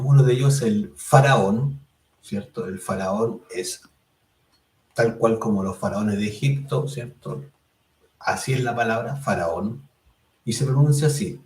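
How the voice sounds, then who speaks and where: A man teaching a lesson on meditation, calm and explanatory, who checks in often with his listeners and draws out chant syllables slowly. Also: medium pitch. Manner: calm and explanatory, tags phrases with "¿cierto?". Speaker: spiritual course instructor. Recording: roomy sound, mic at a distance.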